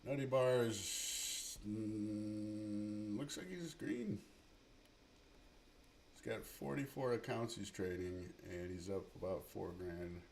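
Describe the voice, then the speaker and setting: Man, low voice, profane mumbled market commentary, live trading stream, faint hiss behind. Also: lively intonation, takes it slowly, vocal fry, a little mellow. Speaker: livestream day trader.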